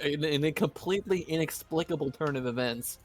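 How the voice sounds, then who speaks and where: A man's voice: fairly high pitch, fairly quick, slight background noise. Laid-back man running a tabletop game. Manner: relaxed, laughing, many ums. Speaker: game master.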